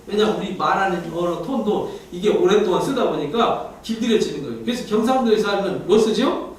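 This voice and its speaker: A man's voice: high voice, slight background noise. A male pastor giving a Sunday sermon in a conversational way, often putting questions to the congregation and leading it in reading scripture aloud. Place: church sanctuary. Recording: echoey church hall, mic at a distance.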